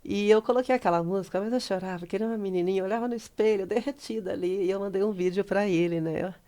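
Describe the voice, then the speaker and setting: A middle-aged Brazilian woman speaks as a podcast guest, her voice at a medium pitch. She tells her story with open emotion, slipping into the voices of the people in it. Her Brazilian Portuguese accent comes through clearly. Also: fast, warm tone. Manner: heartfelt, re-enacts dialogue, breaks into laughter.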